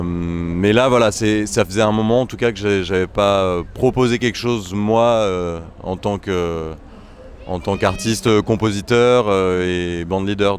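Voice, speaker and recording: A man's voice: low voice, slight background noise. A young man, a musician, talking casually in an interview with many hesitant fillers and restarts. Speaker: trombonist and bandleader. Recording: music faintly behind.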